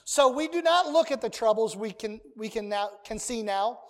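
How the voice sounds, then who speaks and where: An emphatic preacher in mid-sermon, reading scripture passages aloud. The delivery leans on repetition, circling back to the same phrases to press each point home. The voice sits at an ordinary middle pitch. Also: expressive, moderate pace.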